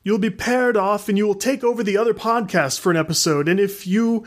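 A man's voice: high-pitched, fairly quick, voice pushed up, close to an everyday voice. A man putting on a pompous older male radio broadcaster who speaks in a stilted, self-important way.

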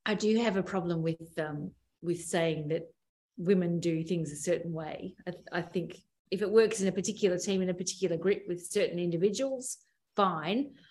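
A woman with an Australian accent hosting a sports podcast, brisk and steering the talk with questions. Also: fairly low pitch, a little mellow. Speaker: podcast host.

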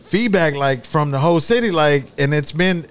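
A man's voice: fairly high pitch, animated, moderate pace, clean tone. A man hosting a casual interview, talking in a slangy, sweary frat-bro way. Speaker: podcast host interviewing a restaurant owner. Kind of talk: casual chat.

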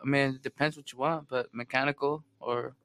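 A man's voice: medium pitch, fairly even intonation, fairly quick, fairly bright tone, dry recording. A man chatting casually in laid-back street slang. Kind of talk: casual group chat.

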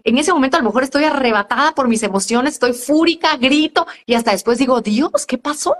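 Calm woman guest explaining step by step. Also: sits high, quick pace. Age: adult with a school-age daughter. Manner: calm, explains step by step, frequent self-corrections. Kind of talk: reflective self-help talk. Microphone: live video stream.

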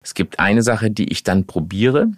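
A man from Portugal, a guest on a podcast, explaining things at length in a relaxed way. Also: lowish voice, normal speed, no echo, studio quality. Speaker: podcast guest, magazine editor-in-chief. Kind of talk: casual podcast interview.

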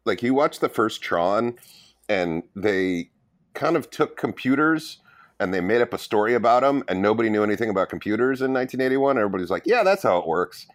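A low-pitched man with a very lively, swooping delivery, co-hosting a casual comedy podcast and spinning opinionated stories. His sound is dry and close to the mic. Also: fairly quick, no echo. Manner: animated storytelling, opinionated. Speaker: co-host.

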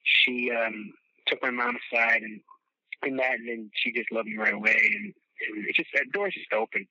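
A man in his thirties from the Chicago area, a podcast guest telling rambling, animated stories with casual swearing and laughter. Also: medium pitch, moderate pace, no room sound. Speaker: podcast guest, former child actor. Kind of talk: casual storytelling chat. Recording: dull, dry lo-fi sound.

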